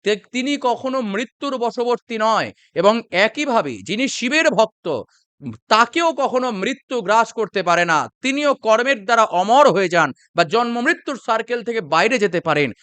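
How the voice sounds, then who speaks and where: A man with a Bengali accent teaching a devotional mantra, chanting it slowly and then explaining its meaning line by line. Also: sits high, smooth, no room sound. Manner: slow drawn-out chanting, then steady explanation.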